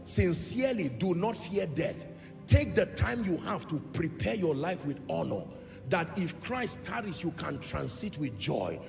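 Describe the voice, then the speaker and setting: A man preaching a sermon to a congregation in a large church. His delivery swells into sing-song phrases and sudden loud rises, and he keeps asking the congregation questions. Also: a little high, big pitch swings, unhurried, creaky. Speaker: pastor. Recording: long hall reverb with music behind.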